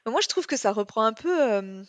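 Woman chatting, a bit hesitant, thinks out loud. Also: fairly high pitch, animated, fairly quick. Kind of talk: casual chat.

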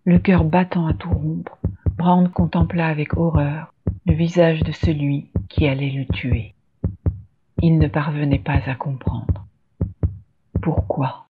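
A storyteller giving a measured, dramatic scripted reading of a dark fantasy tale. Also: mid-range voice, dull audio, a little hiss or hum.

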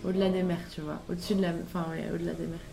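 A young woman, a podcast guest, talking casually in a hostel and often pausing to search for words. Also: on the low side, level tone, vocal fry, a crowd in the background. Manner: hesitant, pauses to search for words. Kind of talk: casual conversation.

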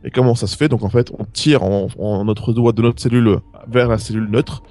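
A man's voice: mid-range voice, fairly even intonation, brisk, warm tone, no room sound. Chatty man explaining a game. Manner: many fillers and restarts while explaining. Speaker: podcast host. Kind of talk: casual chat, explaining a game.

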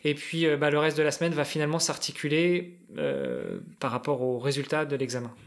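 A man with a fairly high-pitched voice speaks as a podcast guest. He talks casually and explains things step by step, working out his wording as he goes. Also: expressive, brisk. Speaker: guest, endurance athlete preparing a challenge. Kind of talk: casual podcast interview talk.

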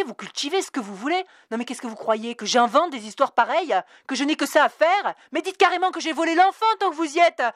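A woman voicing a quick-tempered young woman courier who rants in indignant, shouting tirades, in an audiobook reading. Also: lowish voice, no room sound, studio quality, voice pushed down, close to an everyday voice.

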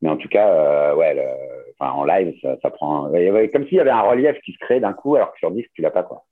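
Man, podcast co-host, hesitant casual talk, slightly low voice, thin phone-like sound. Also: brisk. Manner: hesitant, many restarts and fillers. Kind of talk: casual music chat.

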